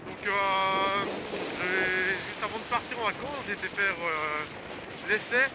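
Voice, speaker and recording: A man chatting casually and haltingly in a raised voice as he vlogs from a motorcycle, with slangy wording. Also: sits high. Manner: slangy, mildly swearing, hesitant. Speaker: motorcycle vlogger. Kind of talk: casual rambling vlog chat while riding. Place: outdoors, riding a motorcycle. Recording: loud wind and engine noise on helmet mic.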